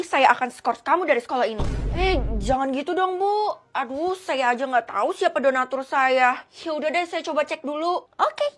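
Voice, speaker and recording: A young woman with a Jakarta slang accent performing comic POV skits, voicing every role herself and switching quickly and playfully between the characters. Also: high-pitched. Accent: Indonesian, Jakarta slang. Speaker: content creator.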